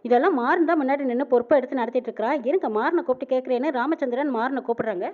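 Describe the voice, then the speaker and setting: High-voiced woman rattling off a serial recap, tinny phone-line sound. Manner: rapid, with a reporting tag after each quoted line. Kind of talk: fast retelling of a TV serial episode, quoting every character. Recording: narrow phone-like band.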